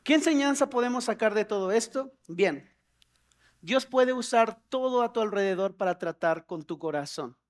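A man preaching a sermon as a pastor, animated, with humorous asides and pleading prayers acted out in a higher voice. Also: moderate pace.

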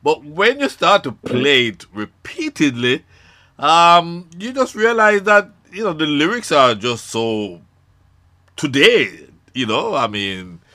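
A man hosts a radio show from a dry studio, his voice bright and lively, rising and falling as he chats. He is candid and laughs easily, keeping the talk loose and friendly. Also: on the high side, takes it slowly, no room sound. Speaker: radio host. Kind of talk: radio interview.

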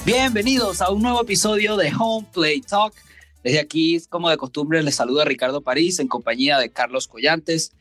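Bright-voiced Venezuelan podcast host. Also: male voice, a little high, moderate pace, soft background music. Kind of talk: casual podcast hosting.

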